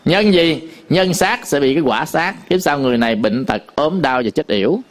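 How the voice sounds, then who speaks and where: A man's voice: on the high side, expressive, normal speed. A man with a Southern Vietnamese accent, a Buddhist monk giving a dharma talk to an audience, telling stories with many fillers and repetitions.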